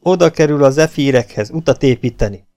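A man's voice: medium pitch, dark tone, pitched above the performer's own voice, natural voice. A man reading an audiobook, voicing a weary, hot-tempered legion captain who threatens and coaxes a prisoner. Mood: coaxing. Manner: threatening, then coaxing and falsely friendly.

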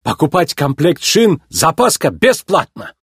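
An eager tyre seller, as a man puts him on, pushing his wares in broken grammar. The husky voice climbs high and bounces. Dry, close storybook recording. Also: very animated, a little slow, no echo, full character voice. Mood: eager salesman. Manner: broken grammar, pushy salesman. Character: eager male tyre-shop car, Italian.

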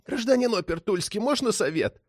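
A man playing a sly little thief who speaks high and soft, fawning and cheeky. The voice is light and raised in pitch and gets quieter to coax the listener, with a dry sound. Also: big pitch swings, moderate pace, no room sound. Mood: wheedling. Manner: ingratiating, hoarse-voiced, playful. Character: cheeky small-time male thief, wheedling and sly.

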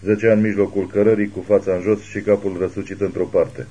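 A man narrating a thriller audiobook in a steady, grave reading. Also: on the low side, breathy edge, lo-fi sound.

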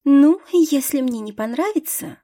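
A woman's voice: high voice, animated, a little slow, warm tone, dry recording, clean studio sound, voice pushed up. A woman voicing a spoiled, snobbish young female student who talks in a scornful, whiny way.

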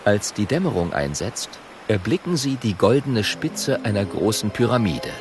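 Over music, a man narrates a children's audiobook in an expressive storytelling manner. His voice is on the low side and moves at a normal speed.

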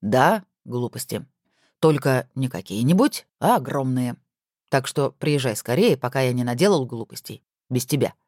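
Woman voicing husband figure, low pitch, mock-pompous, teasing, dry close sound. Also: expressive, moderate pace, darkish tone, breathy edge, no echo, exaggerated voice. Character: teasing, self-important rich husband.

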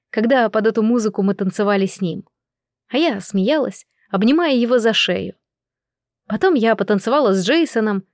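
Woman audiobook narrator, mid-pitched, steady storytelling. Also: no echo, clean studio sound. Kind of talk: first-person novel narration.

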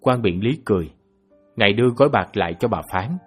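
Male narrator, audiobook novel, steady storytelling, low voice, husky. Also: fast talker, faint music behind.

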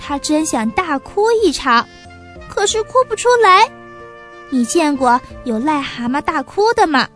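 A woman storyteller reading a children's story aloud in an expressive, unhurried way. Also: high voice, soft background music.

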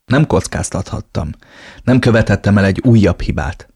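A man's voice: on the low side, expressive, a little mellow, breathy edge, no echo, studio quality. A man narrating a novel in the first person in a brooding, inward way. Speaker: audiobook narrator.

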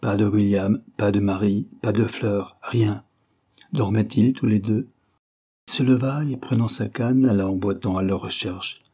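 Husky low-voiced male narrator. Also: steady tone, a little slow, mellow. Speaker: audiobook reader. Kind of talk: novel narration.

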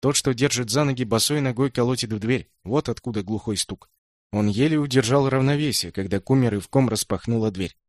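A man narrating an audiobook in a steady, measured storytelling manner. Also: medium pitch, no echo, clean studio sound. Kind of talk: audiobook reading.

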